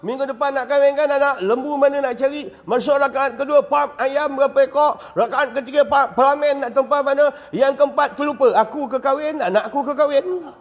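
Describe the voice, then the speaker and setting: A man with a Malaysian Malay accent teaching a lively, joking religious lecture in a mosque. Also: extremely high pitch. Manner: lively, joking, with acted-out examples. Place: mosque prayer hall. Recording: long reverb of a mosque hall.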